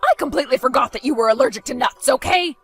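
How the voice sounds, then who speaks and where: A woman's voice: sits high, animated, fast, husky, faint music behind, exaggerated voice. A woman voicing a spiteful older mother-in-law in a dramatized story, protesting indignantly.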